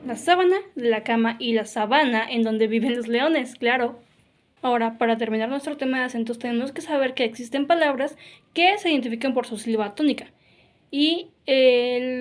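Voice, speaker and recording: A woman giving a grammar lesson, explaining step by step and checking in with "ok?" and "claro". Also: a little high. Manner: explanatory, frequent "ok?" and "claro" fillers. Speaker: teacher.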